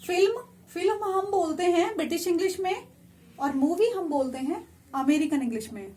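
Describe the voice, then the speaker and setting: A woman teaches vocabulary beside a whiteboard, her voice sitting high. She goes patiently through the list, repeating each word before giving its counterpart. Her English asides come slow and careful. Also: dark tone, slight background noise. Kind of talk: explaining vocabulary to viewers.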